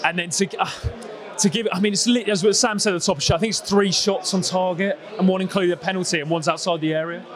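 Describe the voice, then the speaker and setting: High young male host on a handheld mic; leads a relaxed football chat with questions. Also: fast. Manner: steers the talk with questions to guests. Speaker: podcast host. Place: small studio set with a painted wall backdrop.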